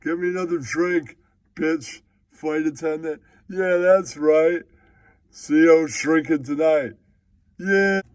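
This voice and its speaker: A man with a slightly high, steady voice, recorded dry, voices a foul-mouthed, aggrieved puppet in an improvised comic monologue. He blusters and swears, stretching out his indignation.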